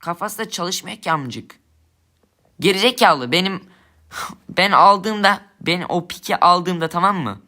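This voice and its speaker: A young male gamer streamer delivers angry gameplay commentary, swearing and ranting at his teammates out of frustration. His voice is high, sharp, and expressive, with a slightly slow pace.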